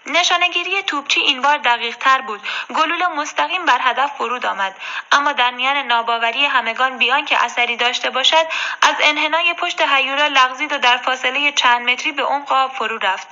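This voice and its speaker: A woman reading an adventure story aloud in a steady, measured way. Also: high voice. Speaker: audiobook reader. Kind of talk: scripted storybook narration. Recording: dull lo-fi recording.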